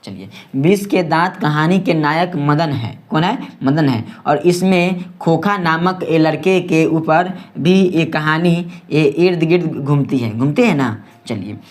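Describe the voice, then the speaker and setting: A man with a Bihari Hindi accent and a slightly high voice teaches an exam-prep lesson, rushing through quiz questions. He is quick and repetitive, checking in with students over and over by asking "ठीक है?".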